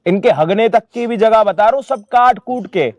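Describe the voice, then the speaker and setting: A man's voice: high-pitched, normal speed, darkish tone, dry recording, dull audio. A man hosting and explaining a staged family dispute in a blunt, lecturing way. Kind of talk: casual commentary.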